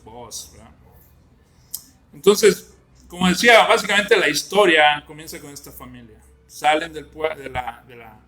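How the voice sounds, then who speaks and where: Male Bible class teacher, fairly high, bright voice, chatty and questioning. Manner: conversational, asks the class questions and jokes with students.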